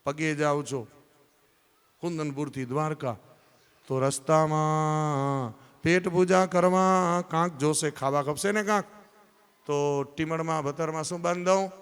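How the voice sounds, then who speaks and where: A woman's voice: low-pitched, steady tone, a little slow, smooth. A man storyteller voicing an eager, devoted young princess who pleads and calls out, in a long reverberant hall. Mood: pleading.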